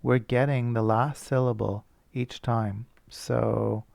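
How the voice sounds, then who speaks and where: Gravelly man talking through code. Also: mid-range voice, fairly even intonation, takes it slowly, darkish tone, no echo. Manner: thinking aloud, self-correcting, casual. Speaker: teacher. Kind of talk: screencast coding lesson.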